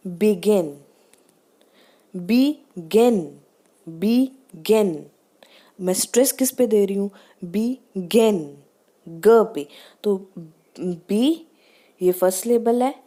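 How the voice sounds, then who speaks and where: A woman teacher giving a pronunciation lesson, reading English lines and explaining them in Hindi, drawing out each example word slowly to show the stress. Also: medium pitch, mellow.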